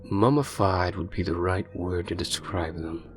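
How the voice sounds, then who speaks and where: Deep, slow male horror narrator. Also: fairly even intonation. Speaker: story narrator. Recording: faint background music.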